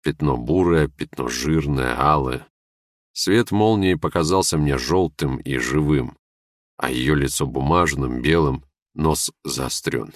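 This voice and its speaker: Man with a very deep voice reading a story. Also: no room sound, clean studio sound. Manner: measured, expressive reading of prose. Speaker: audiobook narrator. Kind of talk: scripted literary narration.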